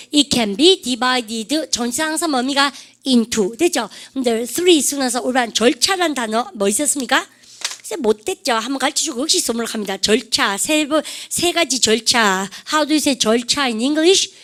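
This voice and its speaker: A woman's voice: fairly high pitch, fairly bright tone. A Korean woman teaching an English vocabulary lesson, prompting students to repeat phrases in call-and-response drills.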